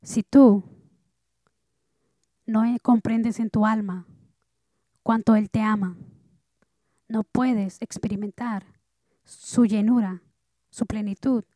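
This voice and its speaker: A woman pastor preaching a sermon earnestly, dropping soft and then rising loud. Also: medium pitch, fairly even intonation, slow pace, pauses often, dry recording.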